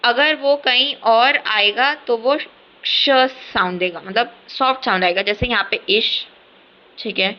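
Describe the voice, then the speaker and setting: A woman gives a casual beginners' lesson, patient and often checking that her viewers follow. Her voice sits at a middle pitch. The audio is a bit dull and lo-fi, like a simple desk mic on a screen recording. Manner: patient, repeats "theek hai" often. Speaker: language teacher.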